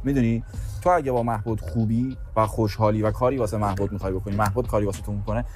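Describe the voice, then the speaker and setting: A man's voice: fairly low pitch, steady tone, darkish tone, soft background music. A man on a reality show patiently explaining his view in a group talk. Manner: patient, explaining, repeats "okay?". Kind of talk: earnest advice in a group discussion.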